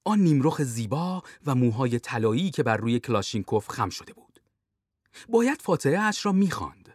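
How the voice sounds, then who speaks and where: Man narrating a spy audiobook, animated storytelling, dry studio sound. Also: mid-range voice, slightly rough, no echo. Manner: lively, expressive storytelling.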